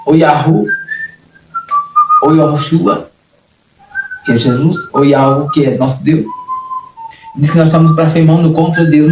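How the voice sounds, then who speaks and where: A man from Brazil preaching a sermon with a somewhat high voice, earnest and repetitive, often breaking off and restarting phrases. He sounds set back from the mic in an echoey room, with clear noise behind him. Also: far from the mic.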